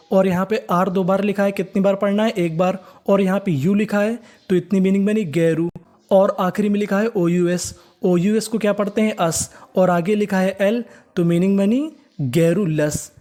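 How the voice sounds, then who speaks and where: Mellow-voiced man teaching reading slowly. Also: high voice. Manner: spells words letter by letter, then stretches them out slowly. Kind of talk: Hindi-language English reading lesson.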